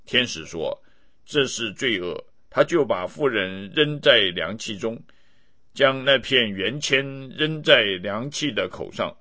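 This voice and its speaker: A man giving a steady, measured scripted reading of scripture. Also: mid-range voice. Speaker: Bible reader.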